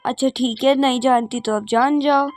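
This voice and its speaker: A woman's voice: high voice, steady tone, moderate pace, a little mellow, no room sound, soft background music, natural voice. A woman voicing a young maid who pretends to be a neighbor and coaxes a little princess in a doll game. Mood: friendly. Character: young woman maid posing as neighbor, scheming but kind.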